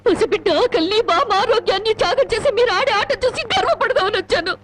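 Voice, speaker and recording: A woman's voice: very high-pitched, lively intonation, quick pace. An actress playing a wronged young wife who reproaches her husband with bitter sarcasm, in a film melodrama. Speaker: actor in a film. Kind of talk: 1990s Telugu film melodrama. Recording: film soundtrack with loud music.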